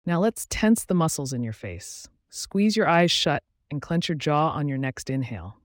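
A man guiding a relaxation meditation in a calm, soothing, measured way, giving instructions with pauses. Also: on the high side, no room sound, studio quality. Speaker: meditation guide. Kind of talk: guided relaxation meditation narration.

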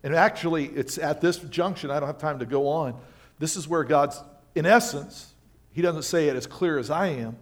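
A male pastor delivers a sermon in a church sanctuary, his voice sitting slightly high. He reads scripture aloud and stops to comment on it. He drops to quiet, low asides, then rises to loud, emphatic lines. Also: moderate pace.

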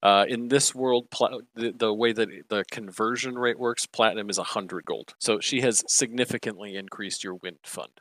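A man's voice: lowish voice, steady tone, moderate pace, hardly any pauses, a bit bright, dry recording. A man running a tabletop game as game master, narrating loosely with many fillers.

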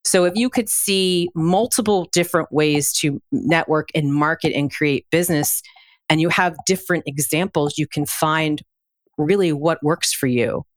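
A woman's voice: low voice, normal speed, no room sound. A woman speaking as an interview guest in a conversational, reflective way, explaining through examples and questions.

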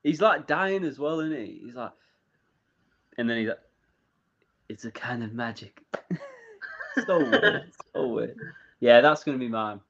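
A man co-hosting a casual film podcast, relaxed and a bit hesitant. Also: on the high side, measured pace, gravelly, pauses often. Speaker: podcast co-host. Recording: dull lo-fi podcast audio.

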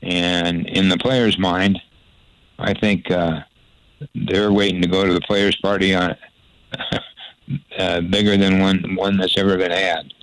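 A man's voice: deep voice, level tone, slow pace, long pauses, no echo, poor audio. An older man, a former sports broadcaster, telling rambling folksy anecdotes in an interview, with frequent restarts. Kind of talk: storytelling interview.

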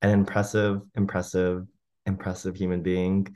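Chatty low-voiced male podcast host. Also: completely flat delivery, normal speed, darkish tone. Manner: upbeat, chatty, many "like"s. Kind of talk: casual podcast chat.

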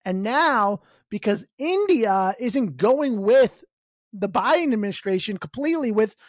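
A man hosting a podcast, delivering a sarcastic political comedy rant that swings between loud outbursts and low mutters. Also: expressive, a little slow, no room sound, clean studio sound. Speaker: podcast host.

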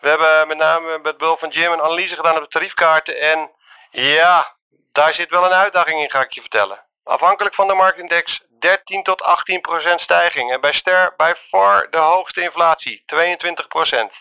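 Man leaving a hurried voicemail, muffled. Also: a little high, fairly even intonation, gravelly, pushed and bright, clear, resonant tone. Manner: brisk business update, hurried. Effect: voicemail message played back from a phone. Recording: muffled phone voicemail playback.

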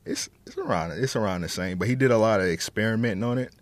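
A man's voice: fairly low pitch, fast, no echo. A man from Florida co-hosting a podcast, chatting casually about music in slangy, profane language. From Florida, United States. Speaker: podcast co-host reviewing music.

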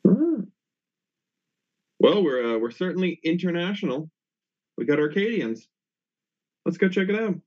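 A man with a fairly high voice chats and improvises as a player in a tabletop game. The sound is a little dull and muffled. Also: very animated, measured pace, long pauses. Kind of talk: casual in-character improvised game chat.

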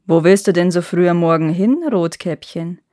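A woman voicing a sly, hungry male wolf in a fairy tale reading, talking low and coaxing. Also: steady tone, normal speed, warm tone, no room sound, clean studio sound, natural voice. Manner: low, scheming, sweet-talking.

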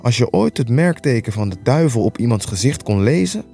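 A man voicing a cautious, troubled lawyer who speaks in a measured way and muses aloud, in a book reading. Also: medium pitch, big pitch swings, vocal fry, warm tone, soft background music. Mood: brooding. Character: cautious, troubled middle-aged male lawyer.

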